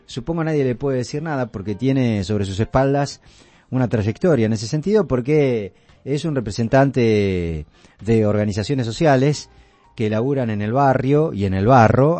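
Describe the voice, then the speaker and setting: A man's voice: mid-range voice, mellow, no echo. A man with an Argentine accent hosting a radio show, asking questions in a loose, conversational way with fillers. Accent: Argentine Spanish. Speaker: radio host. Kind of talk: radio interview.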